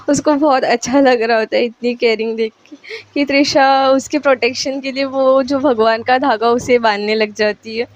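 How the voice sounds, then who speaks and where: A woman narrating a story in a casual, chatty way, slipping English words into her speech, in a lo-fi recording. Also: a little high.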